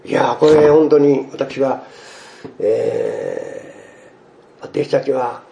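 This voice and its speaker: A male pastor preaching a sermon to his congregation, expressive and acting out the quoted speech. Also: mid-range voice, very slow, creaky, reverberant.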